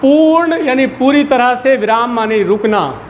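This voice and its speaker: A man with a very high voice teaches a Hindi lesson to a school class in an unhurried way, patiently asking questions and repeating the key words. Children can be heard in the classroom, along with slight background noise.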